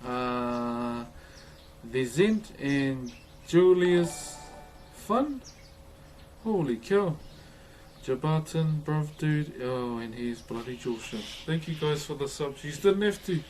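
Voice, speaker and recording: A man with a broad Kiwi accent greets his livestream viewers in a laid-back, chummy, slangy way. His mid-range voice has a darkish tone, moves slowly and carries lively intonation. There's noticeable background noise in the recording.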